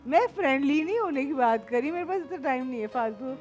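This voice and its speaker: High-voiced blunt woman with a Pakistani Punjabi accent. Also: brisk, highs cut off, faint music behind. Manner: lively and blunt, mixing English and Punjabi phrases. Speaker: guest. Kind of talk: casual interview chat.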